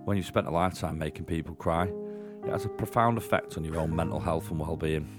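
A man reading a comic story as a streetwise onion, in a deadpan manner. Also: a bass voice, fast, music in the background. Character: streetwise male onion narrator, gruff.

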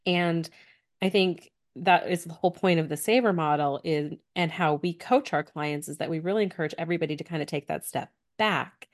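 A woman's voice: deep voice, brisk. A woman co-hosting a podcast and speaking in the earnest, encouraging tone of a business coach. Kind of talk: casual podcast chat.

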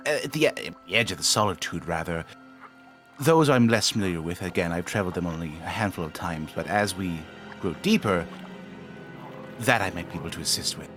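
A man's voice: deep voice, lively intonation, brisk, a bit bright, soft background music. A man playing a tabletop game, speaking in character in a formal, wary way. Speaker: player. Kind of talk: in-character roleplay.

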